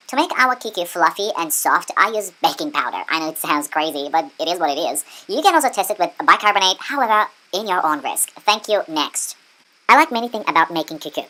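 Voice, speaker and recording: A woman's voice: on the low side, pushed and bright, poor audio. A woman presents a casual cooking tutorial in a playful, sassy manner with teasing asides. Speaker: home cooking vlogger.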